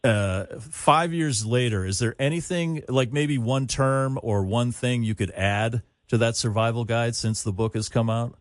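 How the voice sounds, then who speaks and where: A man's voice: medium pitch, unhurried, few pauses, dry recording, studio quality. A man hosting a casual radio interview in a conversational way.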